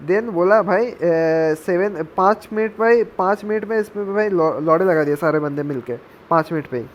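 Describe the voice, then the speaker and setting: A man's voice: high voice, moderate pace. A young man telling a casual warning story in a vlog. He is chatty, drops in English phrases, and keeps calling his listeners "bhai". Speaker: gaming channel creator. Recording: slightly dull audio with faint background noise.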